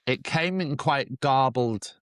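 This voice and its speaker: A man's voice: medium pitch, slow pace, a bit bright, dry recording, studio quality. A man with a Geordie accent hosting a podcast, chatting playfully and teasing his co-host. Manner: playful, teasing, mock-old-fashioned wording. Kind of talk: casual chat.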